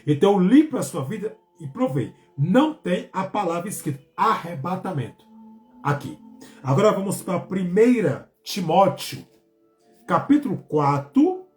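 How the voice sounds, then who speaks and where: Brazilian pastor reading scripture slowly. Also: male voice, high voice, lively intonation, darkish tone, reverberant, faint music behind. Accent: Brazilian Portuguese. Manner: reads scripture aloud, speaking every comma and period; halting, with restarts and drawn-out words. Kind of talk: bible study sermon.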